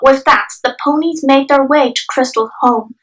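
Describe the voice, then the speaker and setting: A young adult woman with a high-sitting voice reads scripted dramatic story narration at a normal speed. She is off the microphone, picked up by a distant, echoey home mic, with soft music playing behind her.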